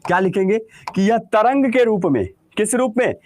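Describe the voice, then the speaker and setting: A man's voice: high voice, lively intonation, moderate pace, a little mellow, dry recording, clean studio sound. A man with a Bihari Hindi accent teaching a class, who keeps asking questions and answering them himself. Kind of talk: classroom lecture.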